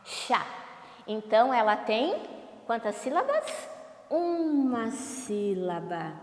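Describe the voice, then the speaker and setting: Woman teacher, slow and lively-pitched, asks and answers her own questions; long room reverb. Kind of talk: remote televised class lesson.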